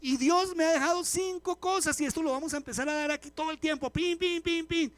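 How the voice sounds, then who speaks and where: A middle-aged man, preaching a live sermon as a pastor, animated and chatty, telling humorous stories and firing questions at the congregation. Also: very high-pitched, quick pace, dry recording. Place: church service before a congregation.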